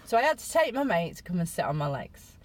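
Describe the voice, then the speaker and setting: A middle-aged British woman chatting casually to camera, telling a personal story with self-mocking humour and sudden high jumps for emphasis. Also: very animated, quick pace. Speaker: vlogger.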